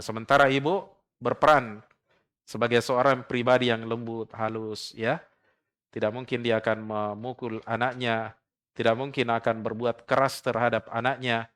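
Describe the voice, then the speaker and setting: Smooth-voiced preacher. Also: male voice, medium pitch, fairly bright tone. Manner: measured, frequent affirming "iya" tags. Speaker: Islamic preacher. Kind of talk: religious study lecture. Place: prayer room.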